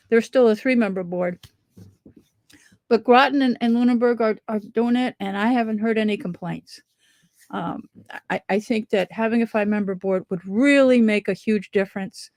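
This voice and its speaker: A middle-aged local resident talks casually to camera from home, promoting a town petition in an earnest, rambling way and often restarting her sentences. Her voice is on the high side, and the recording has no echo.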